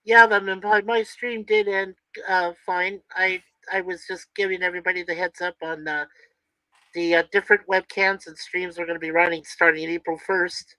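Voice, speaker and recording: A man calling in to a casual chat, his voice crackling and fading in and out over the line, talking haltingly with many fillers. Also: high-pitched, little pitch movement, pushed and bright, no echo. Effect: crackly call line, fading in and out. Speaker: remote guest calling in. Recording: distant crackly call audio.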